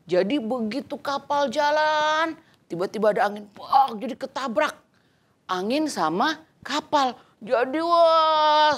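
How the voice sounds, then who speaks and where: A woman telling a Bible story to children in an animated teaching voice. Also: on the high side. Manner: animated storytelling, acting out quoted lines. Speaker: Sunday school teacher.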